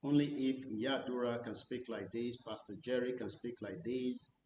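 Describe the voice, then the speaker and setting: A man's voice: moderate pace, a little mellow. A man giving earnest commentary, switching between English and Yoruba. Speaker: channel host. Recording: echoey room with faint rumble.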